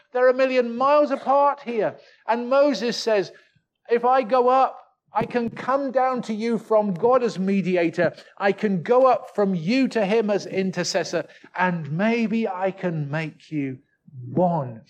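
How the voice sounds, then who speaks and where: Earnest high-voiced preacher, slow and deliberate. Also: male voice. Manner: earnest, with rhetorical tag questions; slows and drops his voice to stress key words. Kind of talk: sermon.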